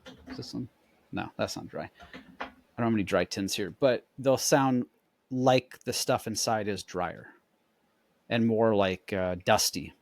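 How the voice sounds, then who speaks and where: A man co-hosting a podcast, chatting in a relaxed, explanatory way and demonstrating as he talks. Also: fairly low pitch, unhurried, gravelly, pauses often, no echo, studio quality. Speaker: podcast co-host. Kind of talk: casual chat.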